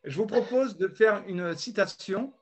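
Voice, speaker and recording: A man hosting a casual chat among friends, running a game in an animated way and laughing often. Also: high voice, measured pace, slightly rough. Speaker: host.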